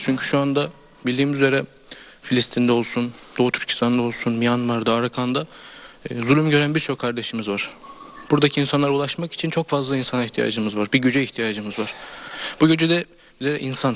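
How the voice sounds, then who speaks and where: A teenage boy, a high school student, giving earnest, speech-like answers in an interview, with many hesitations. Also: quick pace, a bit bright, slight background noise. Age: teens.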